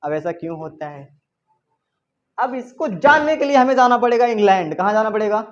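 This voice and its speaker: An English teacher gives a classroom lesson, repeatedly checking with pupils by asking "isn't it?" and playing with rhetorical questions. Her medium-pitched voice is expressive and a little fast, with the highs cut off.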